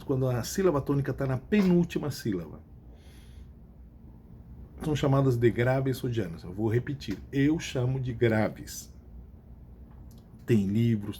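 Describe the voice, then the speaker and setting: A Brazilian man at a medium pitch gives a recorded class lesson, repeating key points and checking that students follow. A faint hiss sits under the voice. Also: mellow. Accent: Brazilian Portuguese. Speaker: Spanish teacher.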